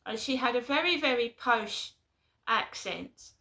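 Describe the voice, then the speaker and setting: A woman's voice: a little high, animated, unhurried, vocal fry, bright, forceful tone. A woman with a London accent venting to camera in a casual vlog, exasperated and repeating herself in short bursts. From London, England. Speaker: vlogger.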